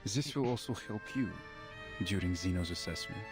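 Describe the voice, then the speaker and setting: An earnest, persuasive advisor. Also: male voice, low voice, lively intonation, music in the background. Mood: reassuring. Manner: measured, reassuring, persuasive. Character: earnest, persuasive man counselling a friend.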